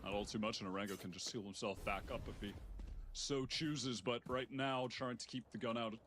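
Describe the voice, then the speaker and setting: A man casting an esports match with measured, analytical play-by-play commentary. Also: lowish voice, steady tone, background noise. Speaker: esports caster.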